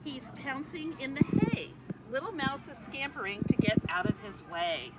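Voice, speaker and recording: A woman reading a picture book aloud to children outdoors at a farm, animated and coaxing them to make animal sounds. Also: sits high, moderate pace, heavy background noise. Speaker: storyteller at a petting zoo. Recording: dull lo-fi sound with a loud crowd of children.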